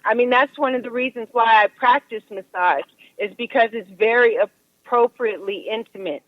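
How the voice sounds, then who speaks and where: A woman who practises massage talks in a calm, explanatory way as an interview guest, calling in on speakerphone while she drives. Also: a little high, moderate pace, dry recording. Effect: speakerphone call from a car. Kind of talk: casual interview chat. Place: driving in a car. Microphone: phone on speaker. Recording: tinny dry phone line.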